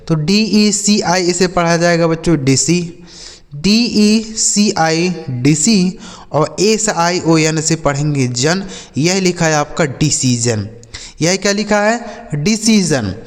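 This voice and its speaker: A man teaching English reading to children, spelling words letter by letter, then asking and repeating the answer. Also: sits high. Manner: spells letters slowly, repeats and quizzes the kids. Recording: long hall reverb.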